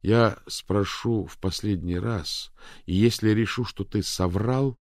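A man voicing a tired, calm and stubborn island boy in a storybook reading, speaking evenly and politely. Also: on the low side, slow, no room sound, clean studio sound. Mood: firm. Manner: even, polite, steady.

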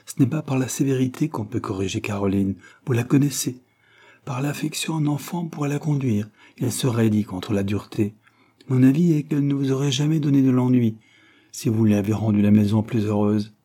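A man voicing a calm, earnest young woman who gives firm, measured moral advice in an audiobook. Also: medium pitch, close to an everyday voice. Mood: earnest reproach.

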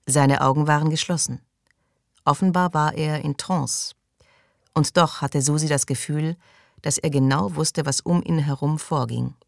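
A woman narrating an audiobook in a calm, even storytelling manner. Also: low voice, a little slow, creaky, no room sound, clean studio sound. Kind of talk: scripted narration.

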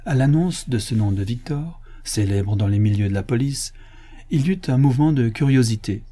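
Male audiobook narrator, steady measured delivery, dark mellow timbre. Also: medium pitch. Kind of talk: scripted narration.

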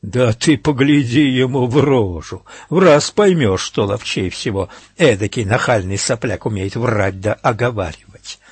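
A man voicing a coarse, vicious pirate who shouts and snarls. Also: medium pitch, unhurried, hardly any pauses, husky, dry recording. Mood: shouting. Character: snarling adult male pirate, vicious and cornered.

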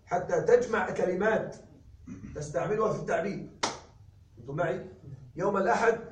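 A man teaching grammar in a classroom lecture, slowing down to stress examples and often asking if students follow. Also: sits high. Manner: slow emphatic dictation of examples, checking understanding. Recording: echoey room recorded from a distance.

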